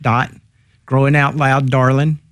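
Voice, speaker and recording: A man, giving conversational interview answers as a business coach in a halting, measured way. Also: medium pitch, little pitch movement, smooth, no room sound. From Texas, United States.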